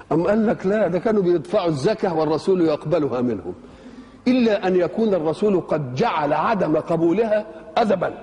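A man's voice: sits high, dark tone, big-room sound. An older man with an Egyptian accent explaining scripture in a lecture, posing rhetorical questions and answering them himself in colloquial asides. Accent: Egyptian Arabic. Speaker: Quranic exegete. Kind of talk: religious lecture.

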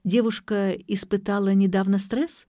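A woman voicing a young woman posing as a doctor, explaining in a calm, measured way. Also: medium pitch, dry recording, studio quality, natural voice.

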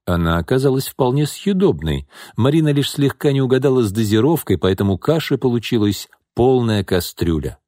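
A man narrating an audiobook in an expressive storytelling manner. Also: medium pitch, fairly quick, few pauses, dry recording, clean studio sound. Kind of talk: scripted narration.

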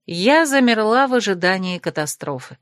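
A woman narrating an audiobook in an even, unhurried reading. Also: mid-range voice, dry recording, studio quality. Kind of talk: scripted narration.

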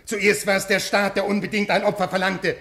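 Desperate man of fifty in classic radio play; pleading, voice rising, rough edge. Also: sits high, little pitch movement, brisk, full character voice. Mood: bitter. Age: 50s. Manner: pleading, swinging from quiet to raised. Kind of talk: classic radio drama acting.

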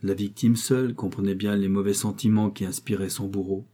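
A man reading a classic novel aloud as an audiobook narrator, measured and expressive. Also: lowish voice. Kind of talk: scripted narration.

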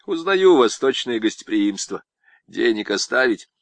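A man's voice: medium pitch, sing-song, unhurried, vocal fry, no room sound. A man voicing a self-assured male pilot who talks in a wry, joking way.

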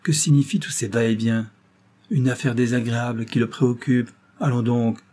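A man reading the part of a frank, impulsive young woman who speaks in a lively, indignant way. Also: mid-range voice, moderate pace, lightly acted.

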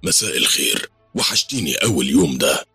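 Brief: man doing a steady Egyptian jinn king, deep husky voice, reassuring. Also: brisk, dry recording, faint music behind, exaggerated voice. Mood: calm. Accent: Egyptian Arabic. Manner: reassuring, calm.

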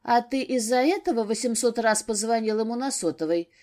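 A woman voicing a sharp-tongued, weary young married woman in an audiobook, snappy and sarcastic. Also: a little high, lively intonation, normal speed, voice pushed up, close to an everyday voice.

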